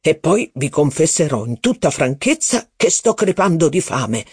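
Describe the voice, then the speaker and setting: A man reading aloud voices a blustering, impatient aristocratic duke who talks in loud exclamations. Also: on the high side, big pitch swings, normal speed, slightly rough, dry recording, studio quality, exaggerated voice.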